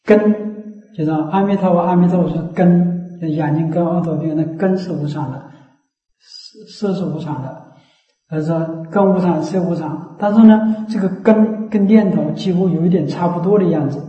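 A man's voice: high-pitched, normal speed. A man giving a Buddhist dharma talk, emphatic and repetitive, often asking his listeners rhetorical questions. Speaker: Buddhist teacher. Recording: echoey, dull lo-fi recording.

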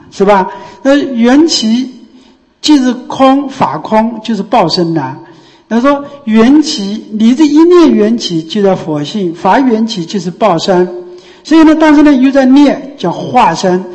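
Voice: medium pitch, darkish tone. A Buddhist teacher gives a dharma talk, explaining step by step and often asking rhetorical questions. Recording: long hall reverb.

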